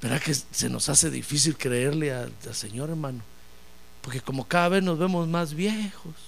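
A man pastor preaching a sermon, animated, calling the congregation brother and acting out dialogues. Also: fairly high pitch, normal speed, creaky, slight background noise. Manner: animated, addresses congregation as hermano, acts out dialogue. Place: church in Phoenix.

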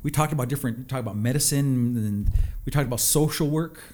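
A middle-aged man, telling personal stories casually in a reflective, halting way. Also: mid-range voice, mellow. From a North American reservation. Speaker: interview guest, psychologist and musician.

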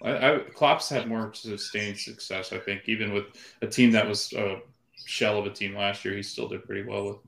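A man's voice: lowish voice, flat delivery, normal speed, creaky, fairly bright tone. A man in a casual sports chat, giving loose, rambling opinions with many fillers. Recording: roomy echo.

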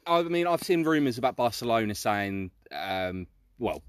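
A British man talks football as a podcast co-host. His delivery is casual and blokey, opinionated, with words doubled up as he builds his point. His pitch sits in an ordinary middle range. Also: sing-song, moderate pace, clean tone, no room sound, clean studio sound.

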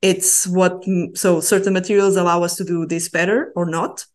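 A woman's voice: lowish voice, flat delivery, moderate pace. A woman in her thirties from Portugal, a researcher patiently explaining her science in an interview, with small hesitations. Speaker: postdoctoral researcher, guest.

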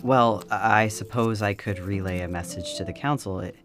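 A woman's voice: very deep voice, normal speed, faint music behind. A woman playing an earnest archivist in an audio drama, hesitant when pressed. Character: calm archivist Phe, earnest woman host.

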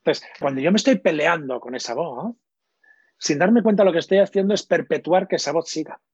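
Husky male coach. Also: on the high side, animated, a little fast, no echo. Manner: thoughtful, with frequent hesitations. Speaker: coach and trainer. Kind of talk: explanatory interview talk. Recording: dull, lo-fi, dry.

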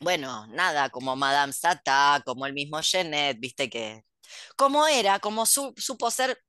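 A woman's voice: low voice, sing-song, measured pace, a bit bright, clean tone, no room sound, studio quality. A middle-aged Argentine woman in casual chat, gossipy and ironic, often trailing off into asides. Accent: Argentine Rioplatense Spanish. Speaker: podcast co-host.

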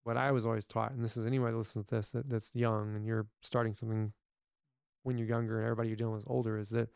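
Give me a gravelly man telling his story in a casual interview, blunt and rambling. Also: fairly low pitch, flat delivery, racing, darkish tone, dry recording, clean studio sound. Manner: rambling with frequent restarts, blunt and profane. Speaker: podcast guest, entrepreneur.

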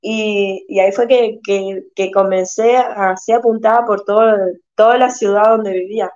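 Halting woman on a podcast. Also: medium pitch, fairly even intonation, darkish tone, muffled recording. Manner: halting, restarts often, thoughtful. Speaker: podcast guest. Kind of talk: casual chat.

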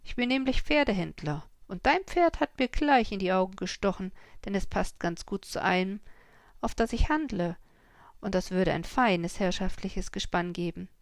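A woman voicing a sly, smooth-talking horse dealer in a storybook reading. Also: medium pitch, expressive, normal speed, no echo, studio quality, close to an everyday voice. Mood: wheedling.

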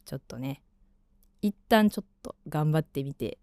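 A woman's voice: low voice, expressive, normal speed, a little mellow, no echo, studio quality. A young woman in her twenties with a Kansai accent, chatting casually as a radio host and rambling through lots of fillers.

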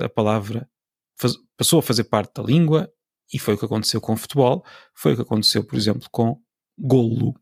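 Male podcast host, European Portuguese accent, husky and gravelly, explanatory and unhurried, dry close-mic sound. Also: mid-range voice, dry recording. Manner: thoughtful, explanatory, with hesitations and self-corrections. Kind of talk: solo educational podcast monologue.

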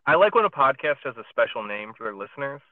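This male podcast co-host talks fast and very animatedly in a medium-pitched voice, rambling casually from his parked car with frequent fillers and restarts. He's recorded dry on a phone through a podcast app, so the audio has a tinny phone-line quality.

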